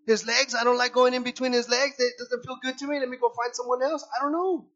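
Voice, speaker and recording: Bright, high-voiced man preaching a sermon. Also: quick pace, highs cut off. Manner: animated, acts out voices of people and animals; addresses the congregation as brothers and sisters. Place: church service.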